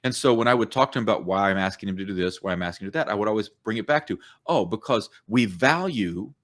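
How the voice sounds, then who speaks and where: A man's voice: on the low side, very fast, fairly bright tone. A middle-aged man co-hosting a church podcast, explaining ideas in a thoughtful, conversational way. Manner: thoughtful, explanatory, with many fillers. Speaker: podcast co-host, church coach. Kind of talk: casual podcast chat.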